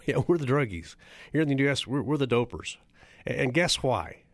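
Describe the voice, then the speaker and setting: A man's voice: medium pitch, lively intonation, moderate pace, dry recording. A middle-aged man, a chiropractor giving a public talk, repeating figures for emphasis and throwing rhetorical questions at the audience. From United States.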